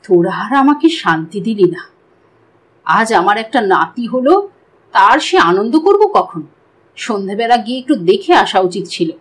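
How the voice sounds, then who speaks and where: A woman's voice: medium pitch, very animated, measured pace, a little hiss or hum. A woman voicing a fierce middle-aged mother in an audiobook, emphatic and scolding. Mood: angry, tired.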